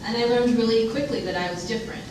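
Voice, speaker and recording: A woman speaks candidly as a guest on stage, joking at her own expense and filling pauses with ums. Her voice sits at a middle pitch and comes from far off the mic. A very echoey room and steady noise surround her. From United States. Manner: candid, self-deprecating, many ums. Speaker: interview guest, diversity director. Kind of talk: onstage interview. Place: event room with audience.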